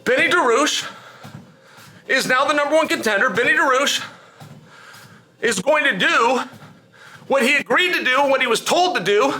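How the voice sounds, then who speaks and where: A man's voice: extremely high pitch, expressive, moderate pace, long pauses, pushed and bright. An American man giving opinion commentary to viewers, speaking emphatically and repeating phrases for effect. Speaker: sports commentator.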